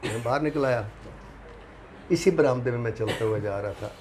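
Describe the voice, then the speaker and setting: An older man with a Punjabi accent tells his anecdotes at a natural middle pitch. He is animated and acts out the people in his stories. A faint background hum sits under his voice. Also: normal speed. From Pakistan. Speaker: film writer, interviewee. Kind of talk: anecdotal storytelling.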